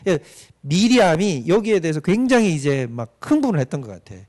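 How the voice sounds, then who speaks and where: A man's voice: on the high side, big pitch swings, fairly quick, darkish tone. A man, a pastor, giving a doctrine lecture and retelling a story with questions to the audience.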